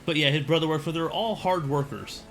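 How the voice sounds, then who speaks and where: A man's voice: on the high side, steady tone, a little fast, soft background music. A man streaming a game and chatting casually, rambling with frequent restarts. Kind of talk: casual chat while gaming.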